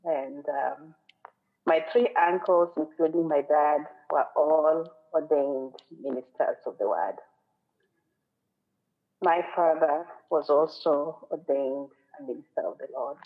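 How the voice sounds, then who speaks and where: A woman's voice: sits low, slow. A woman from western Kenya with a Kenyan accent, giving an earnest, reflective sermon as a guest speaker at a church. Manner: earnest, reflective, quotes scripture and song lyrics. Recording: phone-like narrow sound.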